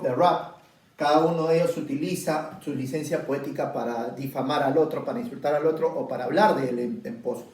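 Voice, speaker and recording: A man's voice: on the high side, a little mellow. A man teaching a poetry lesson, explaining step by step and often checking whether the students follow. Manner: explains slowly with repeated checks like "¿bien?". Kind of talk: classroom lecture on poetry. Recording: very echoey room, mic at a distance.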